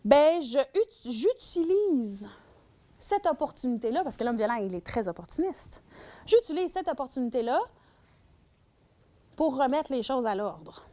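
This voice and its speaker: A woman with a Québécois accent giving a public talk about her work at a shelter. She lectures in an animated way and acts out everyday scenes. Her voice sits fairly high. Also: a little slow, long pauses. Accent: Québécois French. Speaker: domestic violence shelter worker giving a talk.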